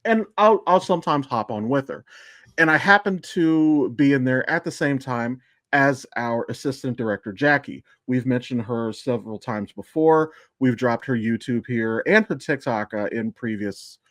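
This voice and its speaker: Telling a story that wanders off on tangents, this man chats casually as a podcast guest or co-host; he also does amateur voice acting. He speaks at medium pitch, expressively and a little slowly, with a fairly bright tone. There is no room sound on the recording.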